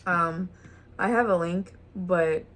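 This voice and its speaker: A woman's voice: on the low side, takes it slowly, a bit bright. A woman hosting a vlog, chatting casually while eating a meal at home. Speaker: vlog host. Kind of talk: casual chat over a meal.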